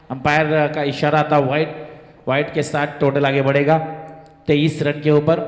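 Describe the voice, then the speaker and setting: A man from giving live local cricket commentary in an excitable manner. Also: fairly high pitch. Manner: excited commentary, rising on boundaries. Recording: echoey PA-like sound with long reverb.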